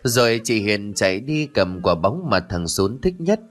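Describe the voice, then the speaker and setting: A man narrating a ghost story in an expressive, dramatic storytelling style. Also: fairly low pitch, measured pace, soft background music.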